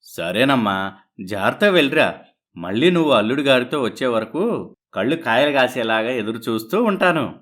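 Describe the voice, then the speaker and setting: A man's voice: mid-range voice, big pitch swings, moderate pace, fairly bright tone. A man voicing a loving, wealthy middle-aged father in a cartoon story, emotional and pleading with his daughter. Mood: gentle, fond. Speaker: father character.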